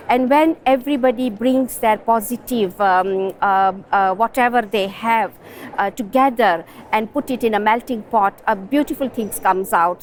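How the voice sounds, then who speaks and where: A woman community arts organiser speaking earnestly at an event, pausing to search for words. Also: on the high side, a little hiss or hum, rough recording. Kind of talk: interview at an event. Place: busy museum hall.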